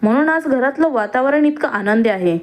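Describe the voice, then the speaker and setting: A woman's voice: sits high, expressive, normal speed, voice pushed up. A woman voicing a curious young woman who works in the house and asks a lot of questions.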